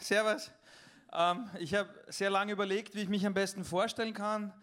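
On a club stage, a young stand-up comedian from Vienna, Austria, performs a loose, joking set in a Viennese accent and talks directly to the crowd. His voice is high and a bit bright, with fairly even intonation at a normal speed.

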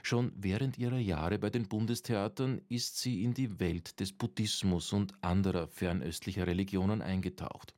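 A man presenting a radio feature in a calm, measured, scripted way. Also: low voice, no echo. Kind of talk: scripted broadcast narration.

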